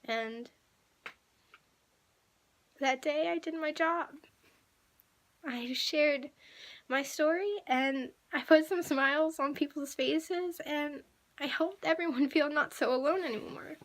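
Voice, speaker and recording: A young woman telling a personal story to camera in a vlog, emotional and halting, with sighs and laughter. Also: high voice. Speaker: vlogger.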